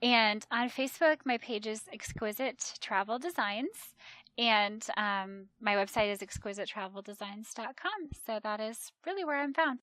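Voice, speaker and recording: A woman's voice: on the high side, moderate pace. A woman in her thirties, a travel agent, chatting animatedly as a podcast guest. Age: 30s. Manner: chatty and animated, mimics voices in retold quotes. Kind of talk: casual conversational interview.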